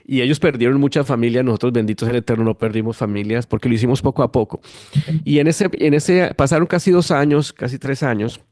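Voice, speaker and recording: A man's voice: medium pitch, fast, no echo, clean studio sound. A Colombian man in his fifties with a Bogotá accent, a pastor telling his testimony animatedly in an interview. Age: 50s. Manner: lively animated storytelling, acting out quoted voices. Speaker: guest pastor. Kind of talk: storytelling testimony.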